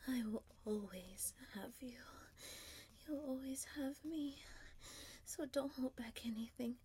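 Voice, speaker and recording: A woman speaks in a high, airy voice, barely above a whisper. She takes her time over each phrase, soft and affectionate, as if leaning close to the listener. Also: slow pace, slightly rough. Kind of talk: whispered intimate audio roleplay.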